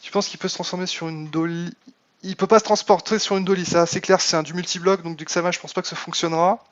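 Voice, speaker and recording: A man's voice: high-pitched, steady tone, quick pace, dull audio. A man casually commenting on his live game stream, thinking aloud with many fillers and answering chat. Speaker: Minecraft modpack streamer.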